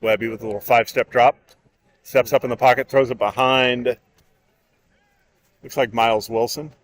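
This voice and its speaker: A man's voice: mid-range voice, fairly even intonation. Man calling football play-by-play. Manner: brisk, rises to shouting on big plays. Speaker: play-by-play announcer. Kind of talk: live football play-by-play commentary.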